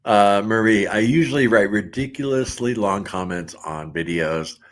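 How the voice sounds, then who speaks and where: A middle-aged man hosting a casual livestream, reading viewer comments aloud and chatting in a relaxed way with frequent laughs. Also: fairly low pitch, moderate pace.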